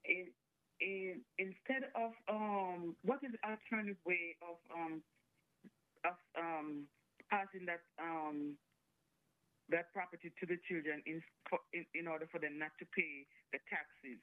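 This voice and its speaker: A woman calling in to a radio show with a question, speaking hesitantly with many pauses and restarts. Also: lowish voice, fairly even intonation, dry recording. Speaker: caller. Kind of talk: call-in question. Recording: tinny phone line.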